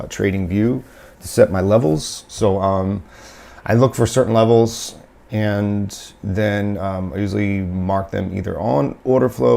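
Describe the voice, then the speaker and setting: A man with a raspy voice from a cold, talking through his screen in casual live-stream commentary with many pauses and fillers. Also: low-pitched, darkish tone, slight background noise. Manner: unhurried, halting, many fillers. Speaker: day trader streaming live.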